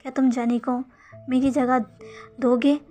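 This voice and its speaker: A woman's voice: sits high, level tone, unhurried, warm tone, soft background music. A woman voicing an insecure young man who asks wounded, hesitant questions in a storybook reading. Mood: hurt, serious. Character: young man, insecure, hurt, tearful lover.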